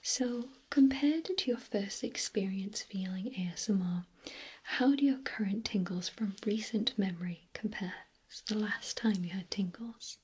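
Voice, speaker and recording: Slow, breathy whispering woman, ASMR role-play. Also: mid-range voice, low-quality recording. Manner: slow, gentle, softly questioning. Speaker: ASMR performer playing a clinic examiner.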